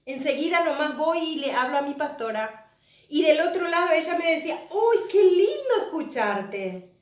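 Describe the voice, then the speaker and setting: High pitched lady pastor telling her story in a sermon, keeps repeating words for effect, echoey. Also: a little fast, fairly bright tone. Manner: emotional storytelling, repeats phrases for emphasis. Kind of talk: testimony sermon. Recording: echoey room.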